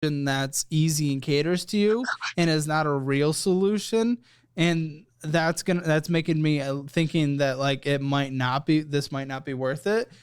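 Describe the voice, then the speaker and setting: A man's voice: fairly high pitch, a little slow, smooth. A man hosting a personal finance show, questioning a guest in a blunt, challenging way.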